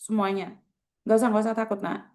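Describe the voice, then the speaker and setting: A woman's voice: mid-range voice, steady tone, brisk, darkish tone. A woman hosting a video call, soothing and urging a worker, repeating her words. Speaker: host advising migrant workers.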